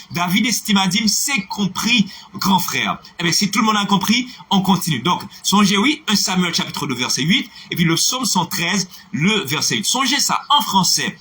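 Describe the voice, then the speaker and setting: A man's voice: high voice, pushed and bright. A man with a Haitian accent giving a live French pronunciation lesson, spelling words out letter by letter and greeting viewers by name. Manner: spells words letter by letter, checks understanding, switches into Creole. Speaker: French teacher on a live online class. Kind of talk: live-streamed language lesson.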